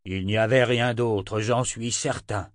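A man playing a proud, very old wizard, irritable and defensive, speaking in a low, unhurried voice. The reading is close and dry. He sounds annoyed at being corrected in a storybook scene. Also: fairly even intonation, dry recording, lightly acted. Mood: exasperated. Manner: exasperated, defensive.

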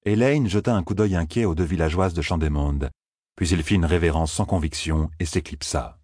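A man's voice: deep voice, a little fast, a little mellow, slightly rough, dry recording, clean studio sound. A man narrating a fantasy novel as an audiobook, reading expressively.

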